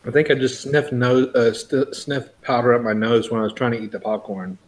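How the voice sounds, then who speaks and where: A man's voice: medium pitch, little pitch movement, a little fast. A man in a casual live chat, teasing and egging on his friends while they snack.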